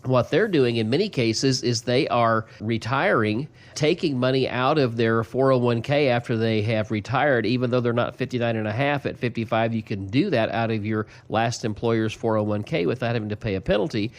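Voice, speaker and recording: A man's voice: mid-range voice, normal speed, hardly any pauses. Folksy male financial advisor. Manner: folksy, explains step by step, chuckles often. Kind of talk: casual explanatory radio talk.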